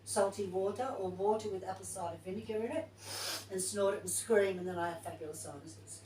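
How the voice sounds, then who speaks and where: A woman's voice: mid-range voice, brisk, mellow, slight background noise. A woman leading a yoga teacher training class, talking informally and thinking aloud as she reads to her group. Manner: chatty, informal, thinks aloud while reading. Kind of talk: casual group class talk. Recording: distant, echoey room recording.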